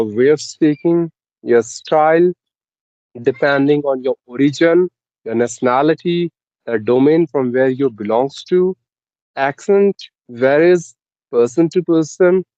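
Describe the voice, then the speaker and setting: A man, explaining his views slowly and deliberately with pauses in a casual English practice discussion. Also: on the high side, darkish tone, dry recording. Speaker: English conversation partner. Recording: dull, lo-fi, dry sound.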